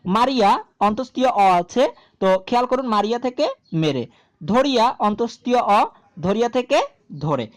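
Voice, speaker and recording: Woman teaching grammar slowly. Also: a little high, lively intonation. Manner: slow, repetitive explaining with questions to viewers. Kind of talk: grammar lesson.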